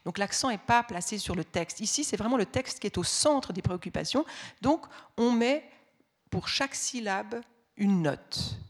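A woman's voice: mid-range voice, normal speed. Woman, music teacher, spoken lecture; patient, hesitant, many restarts. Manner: reads the ballad aloud with expressive voices.

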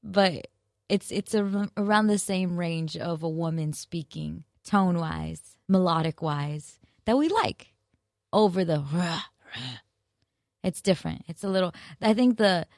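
A woman's voice: on the low side, creaky, no room sound, studio quality. A woman hosting her own podcast, chatting casually in a rambling, musing way and correcting herself as she goes. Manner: relaxed and unhurried. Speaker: podcast host. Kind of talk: casual solo podcast chat.

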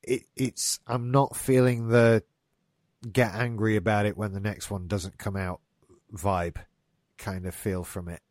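On a laid-back gaming news podcast, the male host rambles and curses mildly, sounding congested as a stuffy nose sets in. He speaks a little slowly and flatly in a lowish voice, recorded cleanly in a studio without echo.

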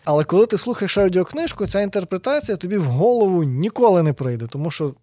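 A man talks quickly and eagerly, his voice sitting a bit high for a man. He explains ideas like a lecturer in casual conversation, often tossing in little checking questions. The sound is dry and close, with no room around it. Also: no echo. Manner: animated, explanatory, frequent tag questions. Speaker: guest, sociologist and lecturer. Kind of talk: conversational podcast interview.

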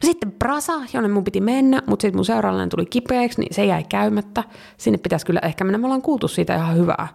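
Woman, gravelly voice, casual podcast chat, lively, mixes in English. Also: mid-range voice. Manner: lively, mixes English phrases, laughs often. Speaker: podcast co-host.

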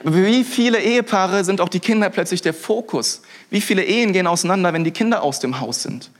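Fast and high-voiced, this young man preaches a sermon as a pastor in a casual, energetic way. He keeps restarting and throwing in interjections, especially "hey," giving it a lively, colloquial feel.

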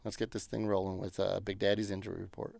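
A man's voice: deep voice, level tone, fast, creaky, a little mellow, faint music behind. A man hosting a casual podcast with his brothers, upbeat and loose, often trailing off with fillers. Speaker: podcast host. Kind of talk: casual chat among brothers.

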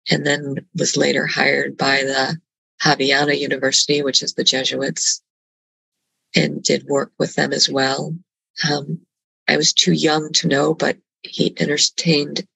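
Gravelly earnest woman on a call. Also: sits low, pushed and bright, no room sound, poor audio. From Colombia. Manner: earnest, halting, with restarts. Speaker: guest. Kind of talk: reflective conversation.

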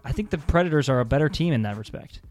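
A man's voice: mid-range voice, lively intonation, quick pace, darkish tone, faint music behind. A man co-hosting a casual sports podcast, hedging and optimistic, with frequent hesitations. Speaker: podcast co-host.

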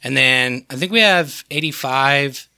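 Bright-voiced man, chatty podcast co-host. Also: mid-range voice, unhurried, gravelly, clean tone, no echo, studio quality. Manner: rambling, swears, works from notes. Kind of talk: casual chat about music.

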